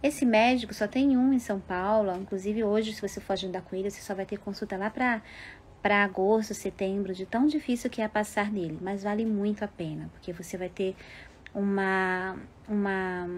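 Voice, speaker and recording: A woman giving advice to parents in an unhurried, explanatory monologue, often adding little tag questions. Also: medium pitch, a little mellow, slight background noise.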